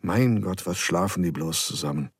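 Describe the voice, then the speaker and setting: A man's voice: sits low, normal speed, breathy edge, dry recording, voice pushed down. A man reading the inner thoughts of a weary, brooding traveler in a storybook.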